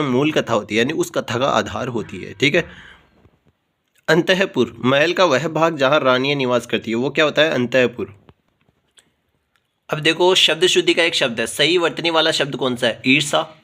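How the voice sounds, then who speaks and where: A man with a slightly high, sharp-toned voice teaches Hindi grammar, explaining patiently and checking in with "theek hai" after nearly every point. He repeats words slowly to drill them and drills correct spellings.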